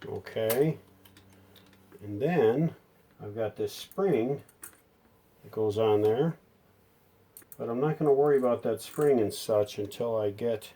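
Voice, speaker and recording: A hobbyist repairer presenting a how-to video narrates a hands-on repair unscripted, thinking aloud in a folksy way. His voice is husky, dark in tone and on the low side.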